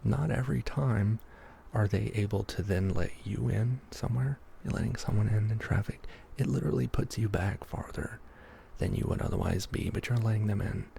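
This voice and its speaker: A man giving a soft, half-whispered ASMR pep talk in a breathy, gravelly voice, rambling along with gentle encouragement. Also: lowish voice, normal speed, a little hiss or hum. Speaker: ASMR YouTuber.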